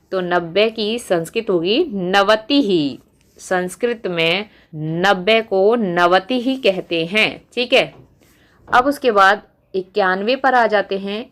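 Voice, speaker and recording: A woman teacher speaks at a very unhurried pace, drawing out each word as she recites. She stops now and then to put questions to her viewers, her pitch sitting in an ordinary middle range. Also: fairly bright tone. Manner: slow, deliberate recitation, quizzing the viewer. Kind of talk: classroom lesson.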